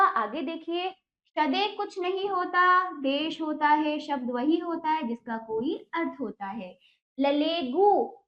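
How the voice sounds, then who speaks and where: Woman teacher quizzing kids patiently, echoey room, kinda dull lo-fi sound. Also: very high-pitched. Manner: patient, quizzes and repeats answers slowly. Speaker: primary school Hindi teacher. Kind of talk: classroom lesson explaining exercises.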